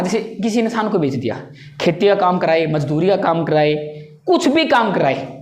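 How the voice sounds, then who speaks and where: A woman's voice: medium pitch, darkish tone. A woman teaching a general knowledge lesson, asking a question and then answering it herself, and repeating key points. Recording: echoey room.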